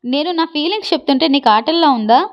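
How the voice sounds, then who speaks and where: A woman's voice: sits high, animated, fast talker, pitched above the performer's own voice. A woman voicing a lovestruck young woman, defiant and tearful, in a read-aloud love story. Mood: pleading. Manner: pleading, emotional. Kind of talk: storybook reading.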